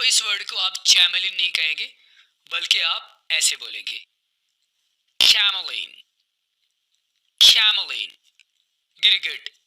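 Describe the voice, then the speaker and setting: A man teaching English vocabulary, saying each word slowly and carefully and talking to viewers as friends. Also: high-pitched, pushed and bright, a little hiss or hum. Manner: slow and deliberate, addresses viewers as friends. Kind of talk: vocabulary lesson, repeating words slowly.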